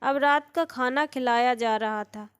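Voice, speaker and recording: Slow, clear-voiced woman storyteller. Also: high-pitched. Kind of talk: scripted narration.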